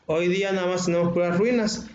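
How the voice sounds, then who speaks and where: A man's voice: high-pitched, fairly even intonation, quick pace, a little mellow. Mexican man lecturing in a roomy echo. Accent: Mexican Spanish. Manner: explanatory, stretches out words, frequent eh fillers. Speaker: history teacher. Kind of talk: classroom lecture. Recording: roomy, dull, faintly noisy.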